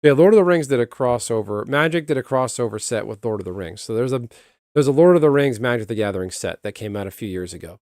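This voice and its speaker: On a casual live stream, a male streamer with a calm, even, middle-pitched voice chats with his viewers, rambling, restarting sentences, and addressing the chat directly. He talks quickly, close to the mic, in a dry, dead room with no room sound.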